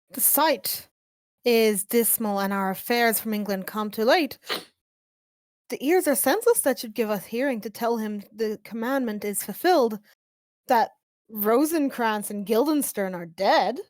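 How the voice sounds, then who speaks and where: A woman's voice: fairly high pitch, animated, a little slow, no echo, studio quality. A woman playing a grave, formal ambassador in a verse drama. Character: grave ambassador bearing late news. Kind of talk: amateur read-through of Shakespeare verse drama.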